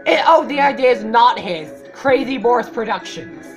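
A woman's voice: on the high side, expressive, moderate pace, faint music behind. Rambling, cursing woman reacting aloud. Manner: rambling, swears often, loud startled outbursts. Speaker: YouTuber reacting to a fan animation. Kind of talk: casual reaction commentary.

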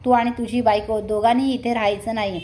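A furious, stern father who scolds loudly, as a woman storyteller puts him on. The voice sits fairly high. The delivery is loud and scolding throughout. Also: steady tone, brisk, natural voice. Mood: angry scolding. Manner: shouting, scolding. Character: furious wealthy father, stern head of house.

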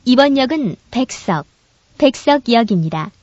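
A woman giving a formal, polite train announcement over an onboard speaker, each stop spoken in measured phrases. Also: on the high side, animated, darkish tone, no room sound. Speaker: subway announcer. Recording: dull, dry lo-fi recording.

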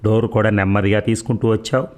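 Storybook: man reads headstrong young woman friend, mocking and argumentative, very deep voice. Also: steady tone, quick pace, a little mellow, natural voice. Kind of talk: storybook reading.

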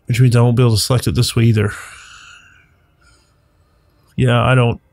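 A man's voice: medium pitch, little pitch movement, a little fast, a little mellow. A man hosting a gaming channel, congested from the flu, rambling and correcting himself as he talks through a video game. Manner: rambling, self-correcting, thinking aloud. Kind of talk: casual gameplay commentary.

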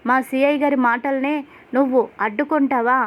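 Woman voicing an arrogant police officer, threatening, scolding, high voice, storybook read. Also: steady tone, moderate pace, natural voice.

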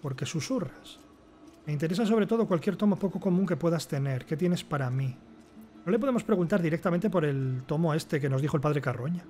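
A man's voice: a little high, a little fast, mellow, faint music behind. A man with a Castilian Spanish accent reading game text aloud and commenting casually, with wry asides. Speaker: gamer playing and commenting.

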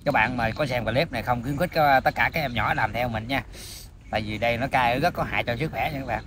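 A man's voice: mid-range voice, fast, noisy background. A man in his thirties with a southern Vietnamese accent chats casually to viewers while eating, his mouth burning from spicy food. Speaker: mukbang host. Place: outdoors in greenery, sitting on the ground. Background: music.

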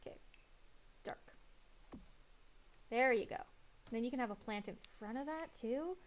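A woman's voice: a little high, measured pace, lo-fi sound, a little hiss or hum. A woman giving casual gameplay commentary, chatting and muttering to herself as she builds. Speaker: gaming YouTuber.

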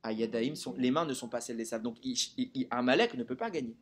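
A man's voice: mid-range voice, fast talker, slightly rough. A man teaching a Torah lesson to a group, keeping listeners engaged with frequent rhetorical questions.

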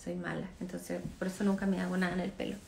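A woman in her thirties chatting casually with fans on a phone livestream from her living room, relaxed and chatty, laughing often and trailing off with fillers. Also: fairly low pitch, fast talker, vocal fry, a little hiss or hum. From Chile. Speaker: singer answering fans on a livestream. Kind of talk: casual chat reading comments. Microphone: phone camera at arm's length.

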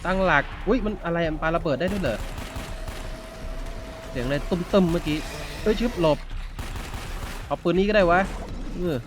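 Excitable young man narrating a game. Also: fairly high pitch, moderate pace, pauses often, noisy background. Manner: excitable, exclaims and narrates gameplay. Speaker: gaming YouTuber. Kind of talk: let's play commentary.

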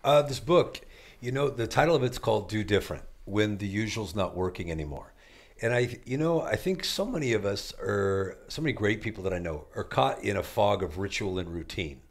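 A man with a somewhat low voice, talking as an author and life coach in an interview. He delivers his points with energetic, preacher-like conviction and punchy repetition. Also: brisk, gravelly. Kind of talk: motivational interview talk.

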